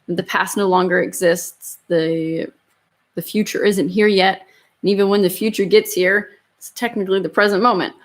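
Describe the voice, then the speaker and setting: Female yoga teacher, mid-pitched, informal and chatty, addressing an online class off the cuff. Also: steady tone, normal speed. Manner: informal, conversational, hedging with "kind of". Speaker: yoga and meditation instructor. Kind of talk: casual chat to an online class.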